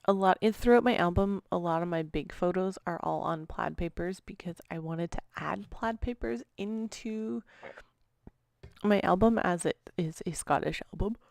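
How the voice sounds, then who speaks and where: A woman's voice: on the low side, moderate pace, vocal fry, darkish tone, no echo, clean studio sound. A woman narrating her own crafting video in a casual, chatty voice-over, often apologizing and trailing off with small laughs. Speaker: scrapbooking vlogger.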